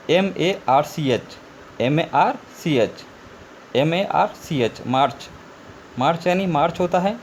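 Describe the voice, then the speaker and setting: A man's voice: fairly high pitch, darkish tone. A male teacher giving a spelling lesson, spelling words out letter by letter and repeating them. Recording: faint background noise.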